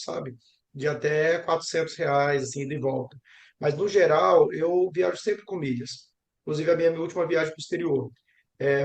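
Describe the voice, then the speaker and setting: Speaking in a gravelly, high-leaning voice, a young Brazilian geography professor answers interview questions about travel and tells stories. He's talkative and reflective, with frequent tag questions, recorded in a roomy, echoing space.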